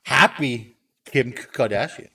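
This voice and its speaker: A man's voice: mid-range voice, expressive, takes it slowly, creaky, pushed and bright, slightly rough, far from the mic. A man co-hosting a casual podcast, teasing and stammering with many restarts. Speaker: podcast co-host. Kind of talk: casual chat. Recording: voice from off the mic.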